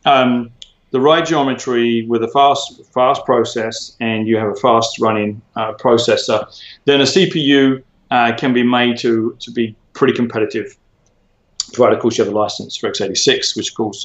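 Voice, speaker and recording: A former tech executive, guesting in a conversational interview, answers in a measured, explanatory way with a steady, middling-pitched voice. He often pauses on ums and restarts phrases, and the recording sounds roomy and a bit dull.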